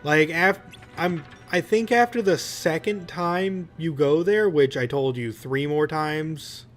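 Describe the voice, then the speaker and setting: A man's voice: a little high, takes it slowly, faint music behind. A young man giving casual, rambling let's play commentary in a jokey, mock-exasperated manner.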